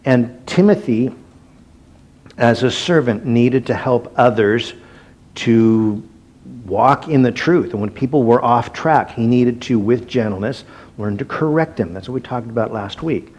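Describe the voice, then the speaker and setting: A man with a medium-pitched voice leads an evening Bible study in a relaxed, self-deprecating style full of fillers and restarts. When he reads scripture, he slows down and stresses each word.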